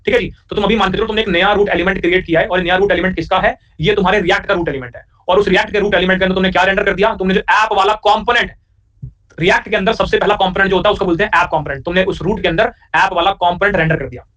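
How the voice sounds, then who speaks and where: A man's voice: high-pitched, fairly even intonation, rapid-fire, a bit bright. A man teaching a live coding lecture, repeating questions back to his students and dropping joking asides. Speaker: programming teacher. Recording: distant, dull lo-fi recording.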